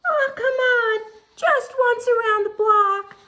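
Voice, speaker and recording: High, whiny storybook pigeon. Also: female voice, bright, forceful tone, full character voice. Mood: wheedling, pleading. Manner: whiny, wheedling, exaggerated drawn-out delivery. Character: pleading, sulky, tantrum-throwing pigeon begging to drive. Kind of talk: storybook character voice in a read-aloud.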